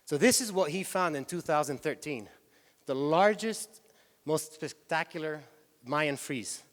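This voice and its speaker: On stage in a reverberant hall before an audience, a chatty, Spanish-accented tour company head gives a talk, loose in manner and correcting himself as he goes. His voice runs on the high side and sounds animated, delivered at a measured pace.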